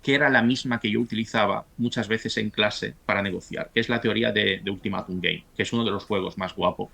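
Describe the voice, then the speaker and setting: A man's voice: fairly low pitch, fairly even intonation, fast talker, vocal fry, sharp tone. A man in his forties from Italy, whose first language is Italian, talking at length as an interview guest with frequent restarts. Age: 40s. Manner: talkative, many restarts and stumbles. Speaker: guest, university professor. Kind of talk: casual interview conversation.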